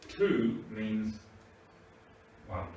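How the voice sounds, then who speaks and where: A man's voice: lowish voice, very animated, drawn-out words, darkish tone, a little hiss or hum. A man teaching English grammar to a class, patiently asking "right?" as he checks that the class follows. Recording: echoey room, mic far off.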